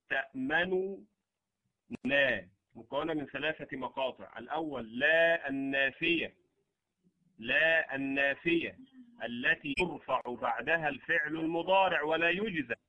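A man teaching the rules of Quran recitation, explaining slowly and reciting verse examples. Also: a little high, muffled recording. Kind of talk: tajweed lesson with recited examples.

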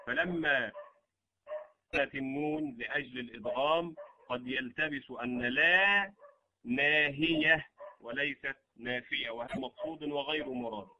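A man teaching the rules of Quran recitation, explaining slowly and reciting verse examples. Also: mid-range voice, highs cut off, a little hiss or hum. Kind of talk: tajweed lesson with recited examples.

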